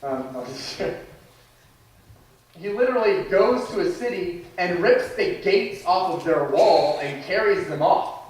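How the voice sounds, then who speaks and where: A man in his thirties preaches a sermon, talking in a conversational way and restarting phrases as he goes. His voice sits a little high for a man. It comes from some way off the mic in a church that echoes heavily. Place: church sanctuary. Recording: echoey church hall, from far off.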